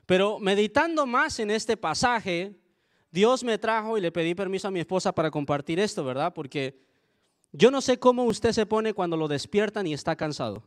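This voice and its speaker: A young man with a noticeably high voice preaches to his congregation. He talks earnestly and conversationally and often turns to the listeners with little asides. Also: lively intonation, moderate pace. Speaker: pastor. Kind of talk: sermon.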